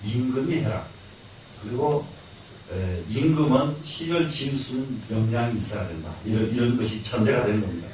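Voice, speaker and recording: A man's voice: mid-range voice, expressive, moderate pace, a little mellow, a little hiss or hum. An older man, a Buddhist monk with a Jeolla Korean accent, giving a lecture. He repeats key lines, asks questions and answers them himself, and chuckles now and then. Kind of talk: classroom lecture. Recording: echoey hall, mic from far off.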